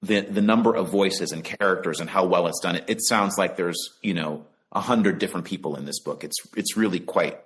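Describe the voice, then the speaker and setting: This Bahamian man, who narrates audiobooks and acts, discusses his craft in a laid-back video-call interview, pausing thoughtfully. His voice sits low.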